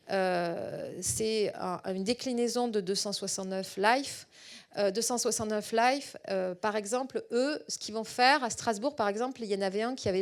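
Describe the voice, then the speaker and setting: A middle-aged woman with a southwestern French accent gives a public lecture as a researcher. She often pauses on fillers and repeats words. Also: a little high.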